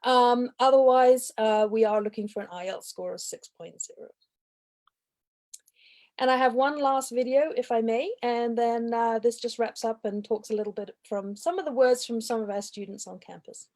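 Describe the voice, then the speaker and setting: A woman's voice: on the high side, steady tone, moderate pace, a little mellow. A woman giving an informative college presentation in a webinar, talking steadily with frequent ums.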